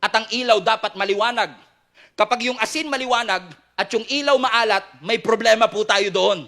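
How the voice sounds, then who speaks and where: A Filipino man delivers a sermon with a high, ringing, bright voice. He works the congregation with repeated refrains and direct questions. Playful jokes keep the preaching lively. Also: moderate pace. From Philippines. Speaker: pastor.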